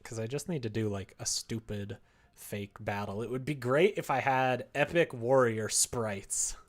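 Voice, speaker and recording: His voice is mid-range and unhurried. He is live streaming his game development from an indoor computer desk, chatting casually while he works and muttering to himself between replies to chat.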